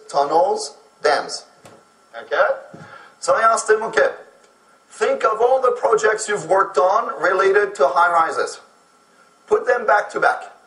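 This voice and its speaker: French guy lecturing, high bright voice, keeps saying okay?, mic kinda far off. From France. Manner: explanatory, keeps asking "okay?". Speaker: speaker on immigrant employment. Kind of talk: lecture to an audience. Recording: echoey room, voice from off mic.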